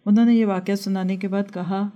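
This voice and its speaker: A woman's voice: medium pitch, steady tone, dark tone, lo-fi sound. A woman religious teacher giving an earnest sermon, telling a story and reciting verses.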